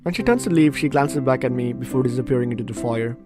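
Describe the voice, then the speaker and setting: A gaming YouTuber reads game text dramatically over game music, breaking off into reactive asides during his playthrough commentary. He speaks quickly at a medium pitch.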